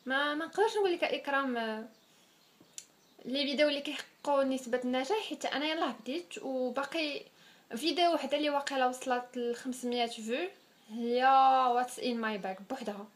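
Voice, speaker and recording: Talking fast in a high voice, a twenty-something woman with a Moroccan accent runs a casual Q&A vlog, responding to her viewers and sprinkling in French words.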